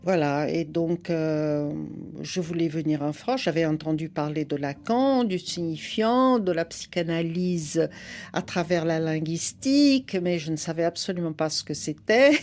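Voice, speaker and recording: In a relaxed interview, a Portuguese-speaking psychoanalyst and writer from Brazil talks slowly and thoughtfully, with the occasional laugh. She's an older woman with a low-pitched, slightly mellow voice.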